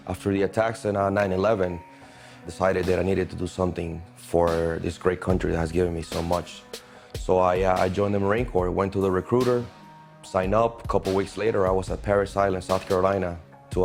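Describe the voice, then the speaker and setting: A man's voice: low-pitched, steady tone, a little fast, creaky, darkish tone. A man, telling his story steadily in a documentary interview. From Colombia. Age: 30s. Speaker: security company owner. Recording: music underneath.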